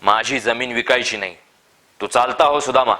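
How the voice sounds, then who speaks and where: A man puts on a stubborn old farmer who will not give way. He shouts in a shaking, defiant voice, pitched a little above his own and raised in volume. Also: moderate pace, lightly acted.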